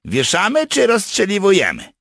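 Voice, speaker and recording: A man voicing a brutal, eager village man who is quick to kill, speaking loud and blunt in an audiobook. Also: sits high, wildly swooping pitch, gravelly, no echo, clean studio sound, voice pushed up, full character voice. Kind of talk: audiobook character voice.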